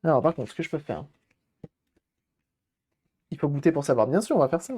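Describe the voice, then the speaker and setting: A man's voice: fairly high pitch, sing-song, fairly quick, warm tone, husky. A man casually commenting on a live stream while repairing a game console, thinking aloud and greeting viewers as they arrive.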